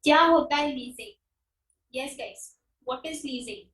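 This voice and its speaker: A woman teacher giving a finance lecture. She explains slowly, repeats key terms and keeps checking that everyone understands. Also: high-pitched, fairly bright tone, recorded from a distance. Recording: echoey room, speaker away from mic.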